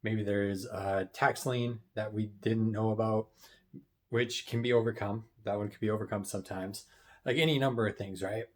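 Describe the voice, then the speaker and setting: A man with a fairly low voice shares casual motivational advice as a business financing coach. He speaks to camera in a conversational way, keeps checking in with "right?", and clears his throat now and then. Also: fairly even intonation, normal speed. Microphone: wearing headphones.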